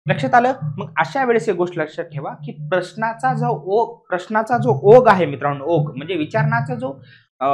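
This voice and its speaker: A man with a Maharashtrian accent explains exam questions like a classroom coach, emphatically repeating key points and often asking questions to check that students follow. His voice is high-pitched. The recording is low quality.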